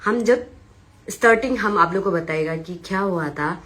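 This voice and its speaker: A woman's voice: fairly low pitch, normal speed, a bit bright. Agitated young woman with Arunachal accent. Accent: Arunachal Pradesh. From Arunachal Pradesh. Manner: agitated, insistent, retelling with quoted dialogue. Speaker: eyewitness. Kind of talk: emotional eyewitness account to reporters.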